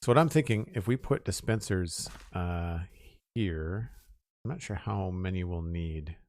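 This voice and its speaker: This deep-voiced young man speaks in an unhurried, slightly mellow way with lively intonation, recorded dry at studio quality. A Nova Scotian with a Canadian Maritime accent, he's livestreaming a game, chatting loosely and counting as he goes.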